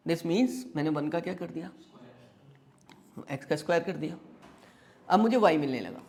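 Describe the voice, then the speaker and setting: A man's voice: high voice, darkish tone. A man teaching a physics lesson. He keeps asking questions and answering them himself, calls his students "beta", and mixes English terms into his speech. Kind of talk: classroom lecture.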